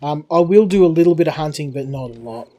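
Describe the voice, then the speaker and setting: A man narrating his own co-op survival play in a relaxed, rambling way. He sits a little high for a male voice and keeps restarting his sentences as he thinks aloud. It sounds like easygoing gaming chat between friends. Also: quick pace. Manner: rambling, restarts often, chatty. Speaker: game channel host. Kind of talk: casual co-op gameplay chat.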